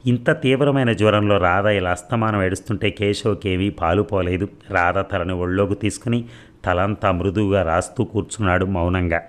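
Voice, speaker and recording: A man narrating a novel as an audiobook in a steady, measured storytelling manner. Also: deep voice. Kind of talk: novel reading.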